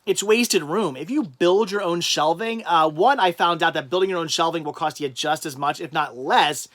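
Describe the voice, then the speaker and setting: Male livestream host reading chat and answering in a casual, rambling way with many restarts; voice sits a little high. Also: moderate pace, a bit bright. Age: adult with a child.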